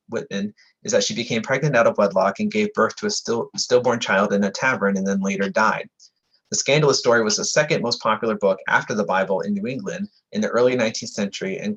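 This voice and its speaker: Here a man with a low, husky, slightly bright voice reads a prepared history lecture illustrated with slides, promoting his book about historic buildings. Stumbles and self-corrections come often. The sound is a bit dull and muffled, and sirens pass by as he keeps talking.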